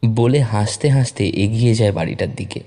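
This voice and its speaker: A man reading a story aloud in a measured, expressive narration. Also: on the low side. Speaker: story reader. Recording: narration over background music.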